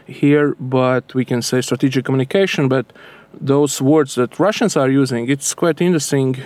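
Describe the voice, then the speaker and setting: A man's voice: medium pitch, steady tone, normal speed, a little mellow, no echo. Latvian-accented man explaining, dry close sound. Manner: earnest, analytical, non-native phrasing. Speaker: foreign policy researcher, interview guest. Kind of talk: explanatory interview answers.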